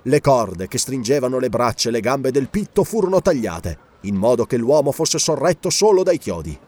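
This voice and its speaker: A man narrating a dark adventure story as an audiobook, grave and expressive. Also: medium pitch, moderate pace.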